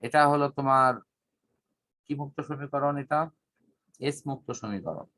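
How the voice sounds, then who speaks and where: A middle-aged teacher explains physics slowly over a shared whiteboard, pitched at an ordinary male middle. He pauses often between short phrases and drops English terms into his speech. His delivery is plain and methodical. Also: bright, forceful tone. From Bangladesh. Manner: measured, halting delivery with long pauses, mixing in English terms. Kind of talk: online whiteboard lesson.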